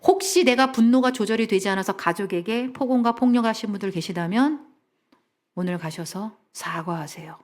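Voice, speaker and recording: A middle-aged woman counselor giving a lively seminar talk in a church. She has the audience repeat phrases after her and drops to a soft whisper for emphasis. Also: mid-range voice, moderate pace. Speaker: family counselor, guest speaker.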